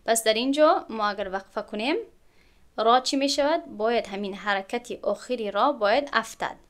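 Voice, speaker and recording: A woman with a Tajik accent teaching Quran recitation rules step by step, asking rhetorical questions and slowly chanting the example words. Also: on the high side. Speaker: tajwid teacher.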